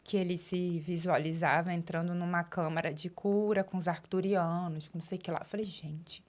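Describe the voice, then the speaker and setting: Low-voiced Brazilian woman telling her story. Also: a little fast. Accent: Brazilian Portuguese. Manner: animated, acts out quoted dialogue. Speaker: interview guest. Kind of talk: casual storytelling interview.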